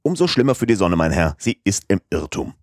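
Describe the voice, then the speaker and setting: A man doing a chatty, excitable French manservant. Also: sits low, normal speed, no room sound, studio quality. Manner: talkative, excitable, proud.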